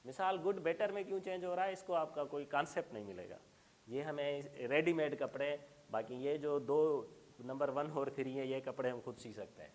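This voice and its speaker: A man's voice: on the high side, normal speed. A middle-aged man teaching an English grammar lesson, explaining patiently and calling his students "beta" as he works through examples.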